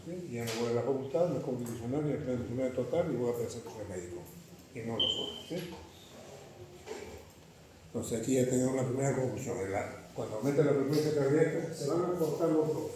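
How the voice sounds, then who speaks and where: A man's voice: medium pitch, darkish tone, slight background noise. A man lecturing a class, questioning his students rhetorically and checking in with frequent "right?" tags. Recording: echoey classroom recorded from far off.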